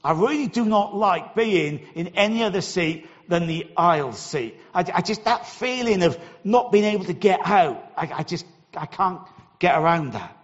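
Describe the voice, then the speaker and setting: High-voiced Welsh preacher telling a story. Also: male voice, animated, moderate pace, big-room sound, lo-fi sound. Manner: conversational storytelling, repeats words when starting. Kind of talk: sermon with personal story.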